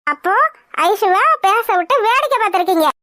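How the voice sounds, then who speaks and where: A woman voicing a very high, anxious cartoon wife. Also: expressive, a little fast, fairly bright tone, dry recording. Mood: defensive. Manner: pleading, defensive. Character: young wife, anxious and defensive. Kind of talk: cartoon voice acting.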